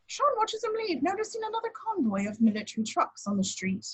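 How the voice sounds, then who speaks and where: At an informal table read, a woman reads the stage directions as plain scripted narration. Her voice is very high, with big pitch swings, and she speaks fast.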